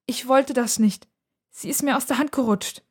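A little brother in a storybook reading, voiced by a woman, his voice pitched high and childlike. He pleads and coaxes, and his voice wobbles as if he is close to tears. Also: big pitch swings, moderate pace, darkish tone. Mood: pleading.

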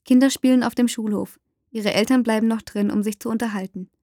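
A woman narrating a first-person story aloud, dramatic and rising to shouts in the dialogue. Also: on the high side, fairly even intonation, fairly quick, no echo, studio quality.

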